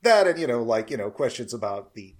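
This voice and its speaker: Man, podcast host, casual review chat, joking, loose delivery, mid pitch. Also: sing-song, a little mellow. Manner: loose, joking, quick to laugh.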